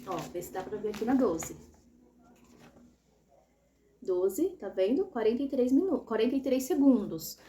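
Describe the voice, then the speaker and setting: Woman teaching how to run a kids test, slightly high voice, keeps going "ok?" after each bit. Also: animated, unhurried, pauses often, dark tone, a little hiss or hum. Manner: patient, step-by-step, often checks in with "tá?" and "ok?". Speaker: educator explaining a child assessment. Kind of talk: instructional tutorial.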